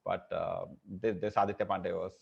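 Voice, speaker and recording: A man's voice: low-pitched, flat delivery, fairly quick, vocal fry, breathy edge. A man with an Indian accent co-hosting a casual podcast, rambling and hesitant with many fillers. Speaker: podcast co-host. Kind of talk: casual chat. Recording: dull lo-fi audio.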